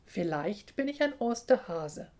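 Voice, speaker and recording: A woman's voice: mid-range voice, sing-song, a little slow, a little mellow, pitched above the performer's own voice. A woman reading a storybook, voicing a small shy young male bunny who asks curious, hopeful questions. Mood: asking.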